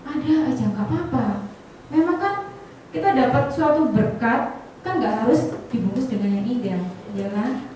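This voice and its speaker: Animated woman telling a story. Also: fairly high pitch, moderate pace. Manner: animated storyteller, acts out dialogue, often addresses the audience. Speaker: insurance agent speaking to colleagues. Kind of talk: personal story told to an audience. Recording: echoey hall from far off, faint noise.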